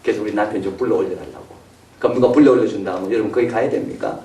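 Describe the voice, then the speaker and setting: A man preaching a sermon as pastor, animated, sometimes acting out the voices of the people he describes. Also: lowish voice, racing. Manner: animated, acts out voices of biblical figures and parents. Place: church sanctuary. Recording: roomy echo, mic from a distance.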